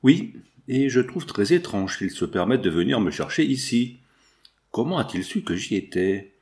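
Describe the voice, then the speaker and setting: A man's voice: medium pitch, sing-song, normal speed, darkish tone. A man reading the part of an earnest young male baron and fiancé in an audiobook, protesting his innocence.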